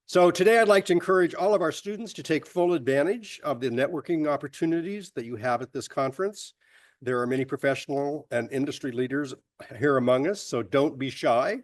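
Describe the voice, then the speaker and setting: A man giving a measured, formal welcome speech at a university conference. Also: medium pitch, dry recording, recorded from a distance. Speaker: university official welcoming attendees.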